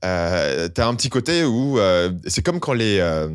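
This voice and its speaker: A man's voice: fairly low pitch, very animated, unhurried, clear, resonant tone, no room sound, clean studio sound. A young man hosting a podcast, chatting casually with lots of slang and acting out quoted complaints. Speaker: podcast host.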